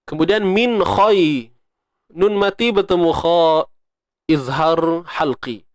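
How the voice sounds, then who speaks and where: Smooth-voiced Malaysian man teaching recitation. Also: fairly high pitch, no echo, clean studio sound. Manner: explains step by step, chants verses in a raised voice. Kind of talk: tajwid lesson with recitation.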